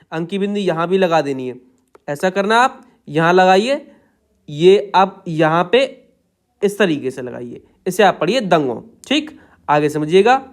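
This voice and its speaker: A man teaching shorthand, dictating words slowly and repeating set phrases as he writes each one out. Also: high-pitched. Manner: slow, drawn-out dictation of words. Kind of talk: step-by-step tutorial.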